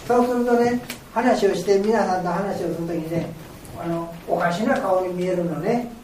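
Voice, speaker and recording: A woman's voice: on the low side, normal speed, darkish tone. An older woman gives an informal talk to a group, explaining patiently in short phrases. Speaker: guest speaker who is blind, answering questions. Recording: very echoey room, distant mic, faint noise.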